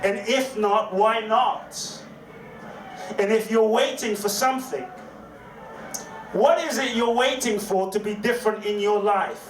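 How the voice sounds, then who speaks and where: Slow, dramatic male motivational speaker. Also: high-pitched, faint music behind. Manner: slow, dramatic, repeats questions, leads call-and-response. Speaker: inspirational speaker. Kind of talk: motivational speech to a live audience. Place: event hall. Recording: echoey hall, distant mic, faint noise.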